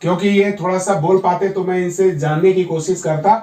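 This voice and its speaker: A man's voice: sits high, fairly even intonation, brisk, mellow. A man working as a yoga therapist, firmly coaxing a patient at home and repeating his encouragement. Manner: firm, coaxing, repeats himself. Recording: echoey room, mic at a distance.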